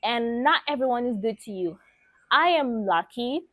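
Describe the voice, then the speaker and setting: In a somewhat high, expressive, slightly bright voice at normal speed, with no echo, a young adult vlogger shares personal stories with viewers. She is from Mozambique, speaks Portuguese natively, has a Mozambican accent, and comes across as candid, emphatic, and casual.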